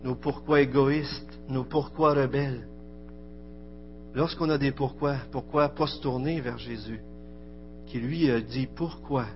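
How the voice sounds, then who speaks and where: A man's voice: medium pitch, fairly even intonation, measured pace. A man preaching a sermon in an emphatic, rising and falling cadence. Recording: dull lo-fi recording with faint music.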